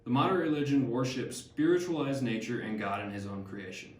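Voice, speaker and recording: A young male student actor plays Harriet Martineau, a learned older woman, in an amateur class skit read from a script. He reads plainly and measuredly, with small stumbles, in a medium-pitched, slightly fast, slightly mellow voice close to his everyday one. The room is echoey and the mic distant.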